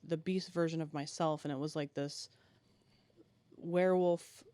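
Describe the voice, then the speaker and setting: A man guest on a podcast, telling a personal story haltingly and with emotion, full of fillers and restarts. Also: fairly high pitch, fairly even intonation, mellow, clean tone, dry recording.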